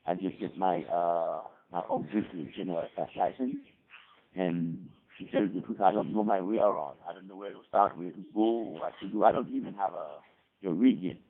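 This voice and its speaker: A man calling into an amateur radio net over a radio transmission with static and background noise, talking in a hesitant, halting way full of restarts. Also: low voice, creaky, husky. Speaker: caller checking in to a radio net. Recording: tinny radio line with faint static.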